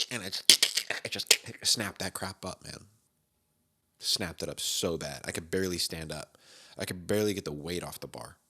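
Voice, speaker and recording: A man's voice: deep voice, a bit bright. A man in his thirties hosting a casual solo podcast, rambling and joking, his nose stuffed up from a cold. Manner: rambling, jokey, self-deprecating. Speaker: podcast host.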